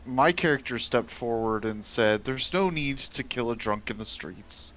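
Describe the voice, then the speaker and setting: A man's voice: mid-range voice, animated, measured pace, pushed and bright, rough recording. A man playing a tabletop game over an online call, hesitant, his voice cutting in and out on a bad internet connection. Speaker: player. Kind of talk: casual tabletop role-play over a voice call.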